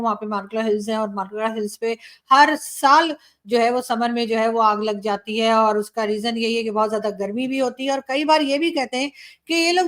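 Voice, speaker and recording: A Pakistani woman journalist talks through the news in a loose, conversational monologue. Her voice sits fairly high, and she speaks with a Pakistani Urdu accent. She is opinionated and pauses often on fillers. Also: fairly bright tone. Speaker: journalist and commentator. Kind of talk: casual news commentary monologue.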